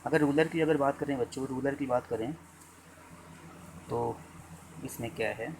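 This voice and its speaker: A man teaching an exam-prep lesson, addressing students as children and slowly dictating memory sentences for them to write down. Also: mid-range voice, a little mellow, slight background noise, rough recording.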